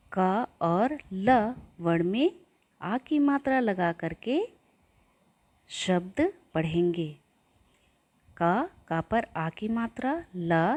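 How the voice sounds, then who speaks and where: A primary school teacher with a medium-pitched, darkish voice chants rhymes for young children. She sounds out syllables slowly in a sing-song way so they can repeat after her.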